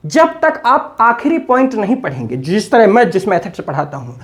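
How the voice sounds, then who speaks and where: A man's voice: sits high, big pitch swings, moderate pace, a bit bright. A man teaching an English grammar lesson, talking casually to his viewers and drilling examples by repeating them with emphasis. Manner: addresses listeners casually as brother.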